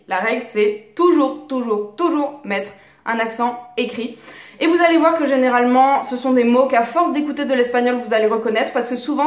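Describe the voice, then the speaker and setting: A woman teaching a language lesson, explaining grammar rules with enthusiasm and slowing down to spell out example words. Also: on the high side, echoey room, dull audio.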